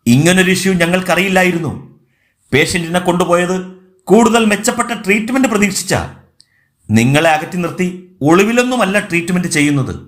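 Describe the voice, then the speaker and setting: A kindly senior doctor in his fifties who speaks calmly and gently, as a male storyteller voices him. His measured delivery sits a little lower than the lively narration around it. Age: 50s. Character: calm kindly male senior doctor, about fifty-five.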